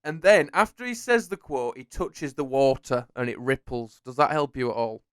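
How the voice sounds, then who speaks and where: Playful quizmaster man, smooth voice. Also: mid-range voice, normal speed, no room sound, clean studio sound. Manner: playful, teasing, animated quizmaster. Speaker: podcast host running a quiz. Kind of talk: casual banter.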